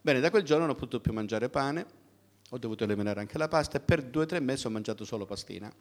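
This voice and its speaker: A man's voice: medium pitch, animated, fast. Man preaching with conversational questions. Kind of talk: sermon.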